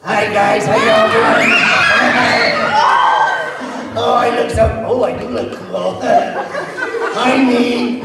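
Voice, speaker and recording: A giggly little puppet guy, as a man puts him on, high and bouncy, swinging all over with playful show-off glee. He is heard from far across an echoey school hall, with a loud crowd of children and music around him. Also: wildly swooping pitch, slow, exaggerated voice.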